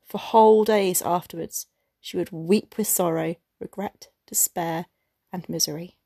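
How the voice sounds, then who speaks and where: Female narrator for a classic short story; measured and expressive, husky tone, dry. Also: lowish voice, dry recording. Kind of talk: scripted narration.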